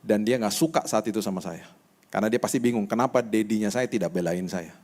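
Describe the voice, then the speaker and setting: Low-voiced pastor preaching conversationally. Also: male voice, quick pace. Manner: conversational, animated storytelling. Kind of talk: sermon.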